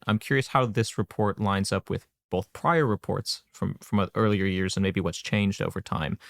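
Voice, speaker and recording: A man hosting a podcast, asking questions in a relaxed, conversational way with some restarts. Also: on the low side, creaky, dry recording, clean studio sound. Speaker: podcast host. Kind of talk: casual podcast interview.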